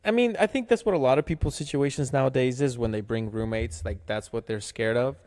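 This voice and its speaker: A man's voice: mid-range voice, a little fast, a little mellow. Reflective man giving advice. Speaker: podcast co-host. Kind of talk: casual chat.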